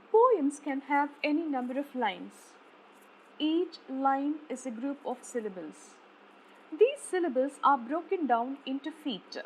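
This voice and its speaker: A woman with an Indian English accent, teaching a lecture and spelling out terms slowly and deliberately, one by one. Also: high-pitched, a little hiss or hum, poor audio. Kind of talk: explaining lecture on poetic meter.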